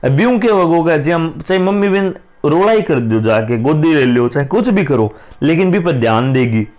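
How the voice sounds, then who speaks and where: Rajasthani guy teaching exam prep, kinda high voice, chatty and loose. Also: lively intonation, normal speed, a little mellow. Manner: casual, chatty, mixes dialect with Hindi. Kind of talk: exam-prep lesson, explaining answers.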